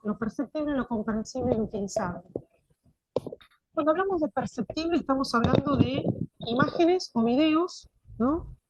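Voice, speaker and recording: Heard through lo-fi sound, a high female voice with a breathy edge leads an online teacher-training lecture. The instructor explains her material and frequently checks with "¿sí?" that everyone is keeping up.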